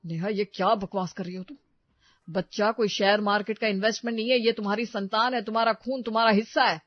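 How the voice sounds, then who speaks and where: An exasperated young husband in a storybook cartoon, voiced by a woman. He pleads and scolds in a rather high voice. The sound is dry and dull, with faint music behind him. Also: measured pace, dry recording. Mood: angry. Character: young husband, upset by his wife.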